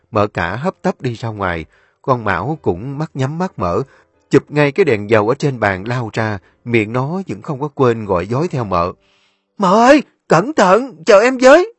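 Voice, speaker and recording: A man's voice: on the low side, breathy edge, dry recording. A man narrating a dramatic story in a storytelling voice.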